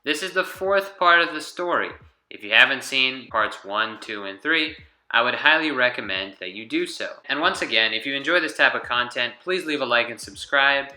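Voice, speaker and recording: A man's voice: mid-range voice, animated, moderate pace, sharp tone, poor audio. A man hosting his channel and narrating a fan audio story in a friendly, straightforward way.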